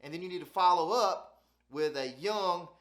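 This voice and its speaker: A man with a Southern accent from Alabama talks in a slightly high-pitched voice. He teaches like a down-home channel host, casual and folksy, often doubling words for emphasis. The recording is noticeably echoey. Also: moderate pace, a bit bright. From South Alabama, United States. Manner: folksy, repeats phrases for emphasis. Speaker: host of a duck hunting channel. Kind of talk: casual instructional talk.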